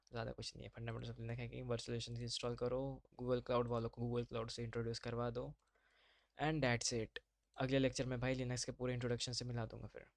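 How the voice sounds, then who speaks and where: A man runs a live online class, loose and informal, calling his students brother as he talks them through each step. His voice sits at a middle pitch with a dry, close sound from a computer mic. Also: no room sound. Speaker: instructor.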